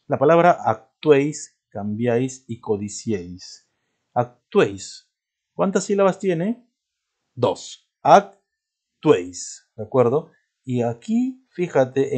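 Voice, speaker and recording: A man's voice: mid-range voice, warm tone. A man teaching a grammar lesson step by step. He asks questions and answers them himself, and often checks in with short tag questions. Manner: explains step by step, asking and answering his own questions; points to something he is showing as he talks. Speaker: language teacher.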